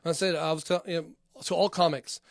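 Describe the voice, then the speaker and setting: A man's voice: on the high side, steady tone, a little fast, no room sound. A man hosting a comedy podcast, talking in a loose, rambling way and swearing freely. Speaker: podcast host. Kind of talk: casual chat. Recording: dry close studio mic.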